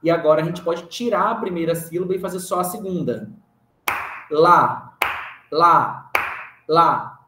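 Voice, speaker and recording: A man's voice: sits high, fast, hardly any pauses. A man with a Brazilian Portuguese accent teaching an online music theory class, patiently explaining and counting rhythm syllables aloud. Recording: roomy echo, faint hiss.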